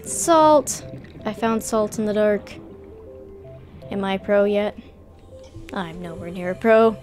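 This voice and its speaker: A woman's voice: mid-range voice, slow, darkish tone, faint music behind. A woman casually commentating her gameplay, chatty and playful, talking to herself and to the game. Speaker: gameplay streamer. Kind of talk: casual let's-play commentary.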